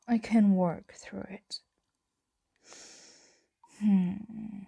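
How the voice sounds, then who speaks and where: A woman in full character voice plays a possessive, adoring dragon in intimate ASMR roleplay, talking gently and deliberately with many whispered stretches. Her medium pitch has vocal fry and a breathy edge, there's no room sound, and she seems to be musing.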